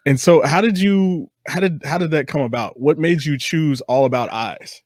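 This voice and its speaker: A young adult man hosts a podcast interview, his voice fairly high and darkish, delivered at a moderate pace with no echo. He's casual, affirming and reflective, easing his way into each question.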